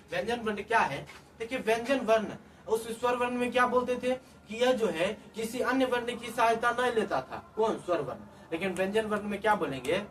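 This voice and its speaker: A man's voice: high-pitched, fairly bright tone. A man teaching a grammar lesson, who keeps asking questions and answering them himself in a drilling way. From Bihar, India. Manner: repeats questions and answers in a drilling call-and-response way. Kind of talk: classroom-style grammar lesson. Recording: distant mic with faint background noise.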